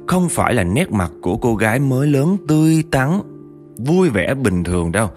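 A man narrating a ghost story in a lively way, speaking directly to his listeners. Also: mid-range voice, normal speed, soft background music.

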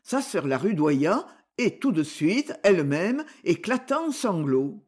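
An audiobook narrator reading a short story aloud. The voice is lively and rises and falls a lot, with dramatic pauses between phrases. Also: medium pitch, husky. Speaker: audiobook reader.

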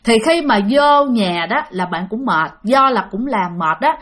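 A woman's voice: fairly high pitch, lively intonation, a little slow, fairly bright tone. A woman with a Southern Vietnamese accent narrating a ghost story in a chatty way, talking straight to her listeners. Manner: chatty, addresses listeners directly.

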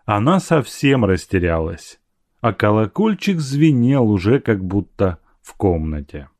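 A male audiobook narrator reading a classic novel. His delivery is unhurried and his pitch moves expressively. The recording is dry and close. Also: dry recording. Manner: measured, expressive storytelling. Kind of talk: scripted narration.

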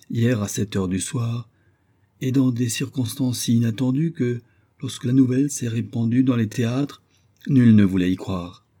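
A man narrating a classic novel as an audiobook, with a measured literary reading. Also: mid-range voice, dark tone. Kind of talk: scripted narration.

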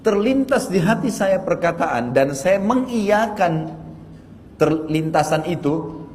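A man teaching an Islamic study class in a lively, emphatic manner, his voice climbing high when he scolds. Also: slow pace, in a large hall, a little hiss or hum. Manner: animated, emphatic, rising pitch on rebukes. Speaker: religious teacher.

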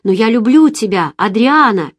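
A woman's voice: on the high side, expressive, moderate pace. A woman voicing a young man who pleads with the lover leaving him, insistent and desperate. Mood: pleading.

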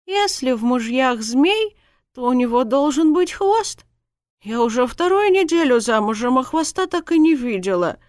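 A tipsy young princess bride, voiced by a woman reader, teasing in a high, sing-song voice that climbs well above the narration. She is cheeky and stubborn, her words giggly and lilting. The audiobook sound is dry and close. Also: big pitch swings, moderate pace, a little mellow, no echo. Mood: playful. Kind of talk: audiobook character voice.

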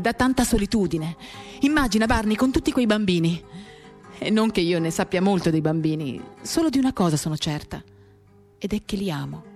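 A woman with a lowish, slightly mellow voice reads from a novel for radio theatre. Her literary monologue comes in short phrases, intimate and dramatic as if confiding, with acoustic guitar behind her.

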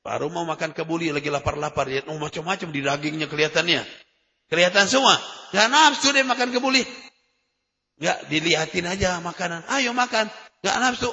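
A man preaching a sermon in a casual, emphatic way, his voice jumping up in loud bursts between calmer explanations. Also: a little high, a little fast. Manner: emphatic, conversational preaching with sudden loud rises. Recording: lo-fi echoey hall recording.

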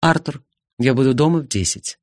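A man's voice: medium pitch, brisk, no room sound, clean studio sound, natural voice. A man voicing a cool, composed older woman in an audiobook. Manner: calm, cool. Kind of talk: audiobook character voice.

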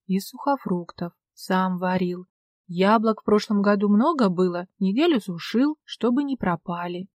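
A woman voicing a young, blunt but good-natured village policeman with folksy, steady talk. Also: medium pitch, moderate pace, dry recording, natural voice. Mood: gentle. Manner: plain-spoken folksy talk, calm and steady.

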